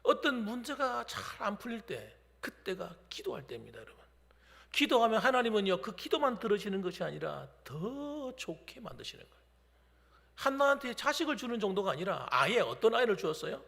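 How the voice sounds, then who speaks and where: A man's voice: high-pitched, sing-song, a little fast, vocal fry, fairly bright tone. A middle-aged man preaching an emphatic storytelling sermon in a church, acting out the voices of the people in the story. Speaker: pastor. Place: church sanctuary. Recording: long church reverb.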